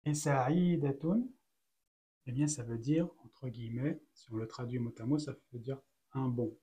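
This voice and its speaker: Slow, mellow-voiced man teaching letters. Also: medium pitch. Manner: patient, explains letter by letter with many fillers. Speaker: Arabic teacher. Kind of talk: slow step-by-step lesson.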